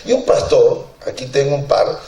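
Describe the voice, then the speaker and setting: A man's voice: medium pitch, big pitch swings, normal speed, mellow. A man preaching a sermon as a pastor, telling a funny story with lots of laughter and acted-out voices. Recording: roomy church hall, distant mic, congregation audible.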